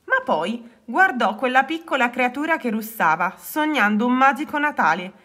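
Bright-voiced woman reading a children's story. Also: a little high, very animated, moderate pace.

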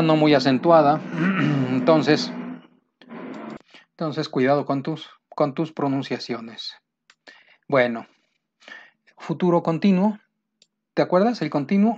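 A man's voice: medium pitch, a little mellow, highs cut off. A man teaching an English grammar lesson, drilling examples over and over and asking his students rhetorical questions.

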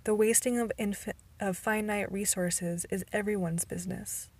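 A woman reading a quiet, teasing teenage boy. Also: mid-range voice, steady tone, normal speed, no echo, close to an everyday voice.

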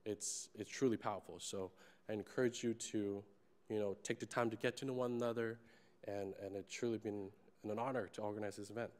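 A man's voice: fairly low pitch, fairly even intonation, fairly quick, darkish tone. A young man from China speaks to a conference audience from a large stage, holding a microphone. His tone is candid and earnest, with hesitations and fillers. The sound carries the long reverb of a large hall. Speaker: conference organizer giving closing remarks. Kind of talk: personal speech on stage. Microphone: handheld microphone.

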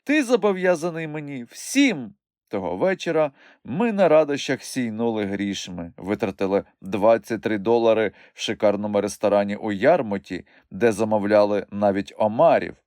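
A man reading a novel aloud as a first-person audiobook narrator, in an expressive, animated way. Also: on the low side, normal speed, no room sound, studio quality.

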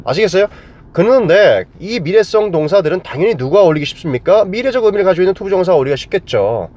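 A man's voice: sits high, expressive, fast talker, a little mellow. A man teaching English grammar to a class, playful and joking, quizzing students with silly memory tricks.

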